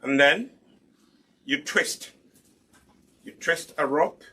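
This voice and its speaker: Very slow and patient, a hair care instructor and product maker from Uganda teaches a live online lesson, answering the rhetorical questions he poses. His voice is on the high side, sharp in tone and slightly rough.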